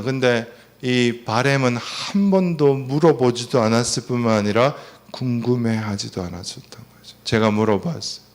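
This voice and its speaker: A middle-aged man giving a family seminar lecture, telling personal stories with animation and putting questions to the audience. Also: mid-range voice.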